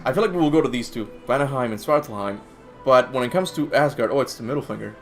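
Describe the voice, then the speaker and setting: Talking fast in a medium pitch, this young man from Cuba runs a gaming channel and fields viewer questions in a relaxed livestream. His style is rambling and self-mocking, and he chuckles at his own slip-ups while quiet music sits behind him.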